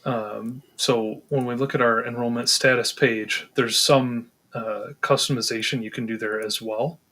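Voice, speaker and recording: A man's voice: medium pitch, fairly even intonation, unhurried, sharp tone. A man co-hosting a live Q&A, walking through settings on screen with frequent ums and second-guessing. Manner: hesitant, many ums, second-guessing himself. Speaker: co-host answering questions.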